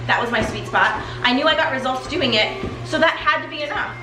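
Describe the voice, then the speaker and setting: A woman's voice: sits high, brisk. A woman in her thirties giving a motivational chat as a weight loss coach while walking in place for exercise, recorded indoors. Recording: echoey room with music underneath. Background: music.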